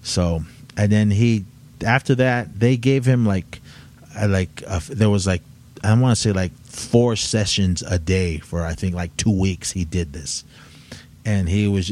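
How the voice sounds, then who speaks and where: A man co-hosting a casual podcast chat, recounting a story in a rambling, halting way. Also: low-pitched, darkish tone. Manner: rambling, halting, lots of fillers.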